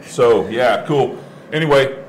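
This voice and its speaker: A man with a medium-pitched voice bantering with friends like an easygoing stoner, full of slang. He sounds like a casual show co-host, with faint noise around him. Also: slow pace, poor audio.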